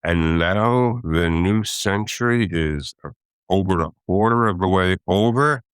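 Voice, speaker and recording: Slow, deep-voiced man in his eighties. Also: clear, resonant tone, no room sound, studio quality. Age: 80s. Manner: slow, reflective storytelling with hesitations. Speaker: guest. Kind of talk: relaxed interview talk.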